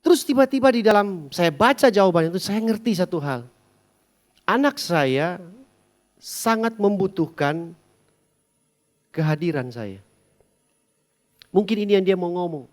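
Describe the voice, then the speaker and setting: A man in his thirties preaching a sermon as a pastor, telling a story with humor and lively swings between loud and soft, with English phrases mixed in. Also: high-pitched, a little slow, pauses often.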